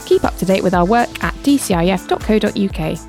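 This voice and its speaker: A woman's voice: medium pitch, animated, fast talker, darkish tone, faint music behind. A woman hosting a podcast in a casual, chatty and self-deprecating way. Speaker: podcast host.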